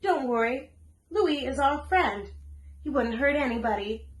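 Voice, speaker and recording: A woman's voice: high voice, animated, unhurried, voice pushed up. A woman voicing a kind, cheerful young storybook princess with lilting exclamations. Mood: reassuring. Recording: echoey room.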